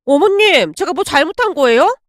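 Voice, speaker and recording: Pushy whiny daughter-in-law, played by a woman narrator in a story video; high, lively, wheedling. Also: normal speed, no room sound, studio quality, heavily acted. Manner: wheedling, pleading.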